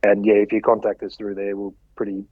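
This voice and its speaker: Laid-back man, low voice, slightly dull audio. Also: monotone, brisk, darkish tone, no room sound. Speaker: podcast guest, photographer. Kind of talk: casual interview chat.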